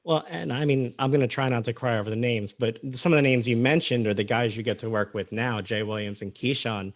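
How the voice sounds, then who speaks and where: A man's voice: medium pitch, brisk, no echo, clean studio sound. A man hosting a sports talk show, asking his guest a friendly, rambling question. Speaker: radio show host. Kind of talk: casual interview questions.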